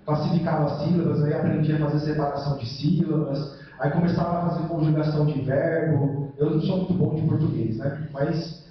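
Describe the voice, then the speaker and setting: A man's voice: on the high side, fairly even intonation, brisk. A man with a Brazilian accent preaching a church sermon in a conversational way, often tagging "né?" onto his sentences and asking rhetorical questions, then answering them himself. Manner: conversational, with constant "né?" tag questions. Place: church hall. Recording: echoey church hall, mic far off, dull sound.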